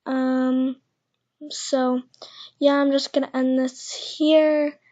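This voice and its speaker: A young woman with a lisp, talking quietly and awkwardly with many pauses in a casual vlog, keeping her voice down at home. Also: sits high, flat delivery. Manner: awkward, hesitant, speaking quietly to keep her voice down. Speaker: channel host. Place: echoey house, indoors. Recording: dull lo-fi home recording.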